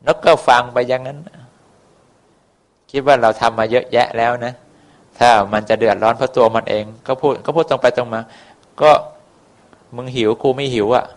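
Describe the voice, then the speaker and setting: A man telling a folk tale in a casual, rambling way, with many fillers and coarse words. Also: medium pitch. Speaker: storyteller.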